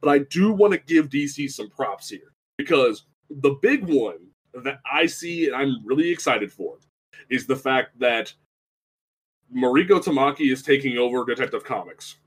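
A man in easy podcast conversation, his voice sitting at an ordinary middle pitch. He rambles and circles back, leaning on fillers and restarting his sentences as he thinks aloud. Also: moderate pace, husky. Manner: rambling, many fillers and restarts, animated asides. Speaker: podcast co-host. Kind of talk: casual chat.

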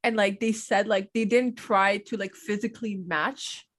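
A woman with a French Canadian accent chatting casually as a podcast co-host, animated and swearing freely. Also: mid-range voice, moderate pace. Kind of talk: casual chat.

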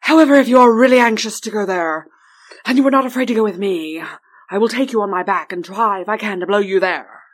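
A woman's voice: quick pace, natural voice. Woman voicing a roaring old North Wind. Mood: weighty. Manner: booming, loud calls.

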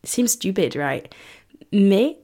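A woman's voice: medium pitch, big pitch swings, very slow, mellow. A woman in her twenties from England, talking candidly in a personal monologue and switching between French and English mid-sentence. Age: 20s. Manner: candid, conversational. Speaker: vlogger.

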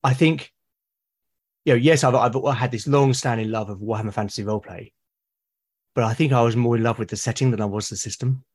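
Being interviewed in a relaxed conversation, this British artist and podcaster has a mid-range voice that is a little mellow and slightly rough. He talks a little fast, casually and hesitantly, frequently repeating words as sentences begin.

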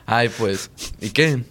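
A man's voice: mid-range voice, husky. Slangy young Mexican man telling a story. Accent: Mexican Spanish. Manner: slangy, profane, rambling, quotes himself and others. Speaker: podcast co-host. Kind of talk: casual storytelling chat.

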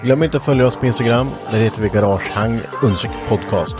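A man hosting a casual podcast, relaxed and laughing easily between remarks. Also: mid-range voice, music in the background. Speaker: podcast host.

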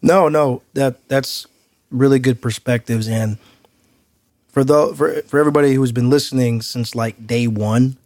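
A man's voice: mid-range voice, a little slow, a little mellow, no room sound, studio quality. A man co-hosting a podcast in casual chat, talking in loose street slang with an outgoing manner. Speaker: podcast co-host.

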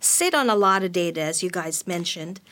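A woman moderating a panel discussion, asking measured, clear questions. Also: fairly low pitch, expressive, bright, forceful tone.

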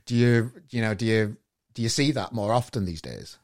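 A man's voice: fairly low pitch, moderate pace, a little mellow. A man hosting a podcast in casual chat, rambling and stumbling over his questions. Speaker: podcast host.

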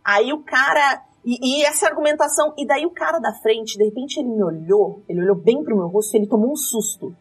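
A woman's voice: fairly high pitch, brisk, hardly any pauses, breathy edge, distant mic, faint music behind. A woman, telling a dramatic story from her rideshare driving in casual chat. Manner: lively, dramatic retelling with quoted dialogue.

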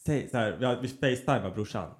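A man's voice: medium pitch, noisy background. A man in his thirties co-hosting a podcast, joking and laughing with lots of swearing. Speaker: podcast co-host. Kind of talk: casual chat.

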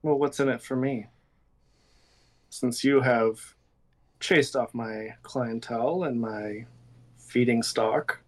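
A man's voice: medium pitch, fairly even intonation, takes it slowly, long pauses, close to an everyday voice. A man voicing a haughty female club owner who bargains coolly in a tabletop game. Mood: cool, skeptical.

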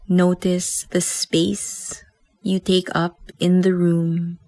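A woman with a Filipino accent leading a guided meditation as a teacher, speaking in a calm, gentle way with unhurried pauses. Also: on the low side, no echo.

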